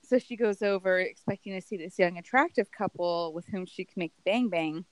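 A woman co-hosting a casual chat, recapping a TV show in an animated, giggly way with some swearing. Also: fairly low pitch, brisk, no echo. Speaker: podcast co-host.

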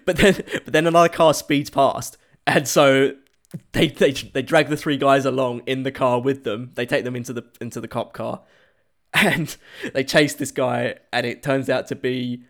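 A man chatting casually as a podcast co-host, laughing often as he retells scenes with halting restarts. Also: mid-range voice, steady tone, fairly bright tone. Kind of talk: casual chat.

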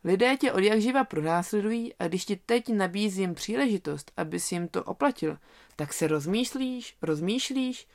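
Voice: mid-range voice, animated, gravelly. A storyteller voicing a cheeky, kind-hearted young male lamb. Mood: eager.

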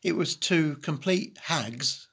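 A man co-hosting a casual podcast with a husky, slightly breathy voice pitched fairly high for a man. He keeps up dry, teasing banter with his co-host. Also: takes it slowly, a bit bright. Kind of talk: casual chat.

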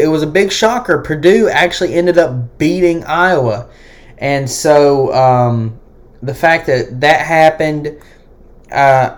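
A man's voice: fairly high pitch, darkish tone. A man hosting his own sports podcast, talking alone in a hesitant way with many fillers and restarts. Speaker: podcast host. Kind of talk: solo sports podcast talk.

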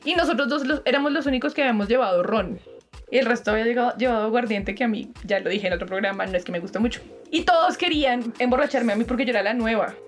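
A woman chats with friends on a talk show, her voice sitting a little high. She tells stories with animation and acts out what people said. Soft music plays faintly behind her. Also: quick pace. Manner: animated storyteller, acts out quotes. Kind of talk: casual chat.

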